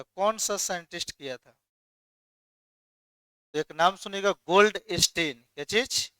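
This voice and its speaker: A man's voice: high-pitched, bright, forceful tone, clear, resonant tone, no room sound. A man teaching chemistry in a classroom lecture, firing questions at students and then answering them himself.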